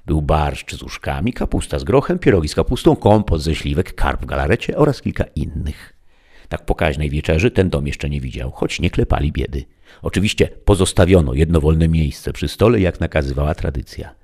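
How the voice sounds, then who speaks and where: A man reading a story aloud as an audiobook narrator, in a measured, dramatic way. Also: extremely low pitch, expressive, a little mellow, breathy edge. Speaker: audiobook reader.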